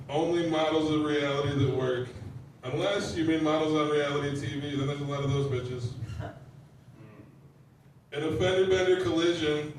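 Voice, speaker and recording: A man with a slightly high voice performs deadpan stand-up one-liners in a lounge. He sounds far from the mic, and the room rings with heavy echo. Faint room noise hangs underneath. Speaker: stand-up comedian. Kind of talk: stand-up set at an open mic. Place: lounge bar with a live audience.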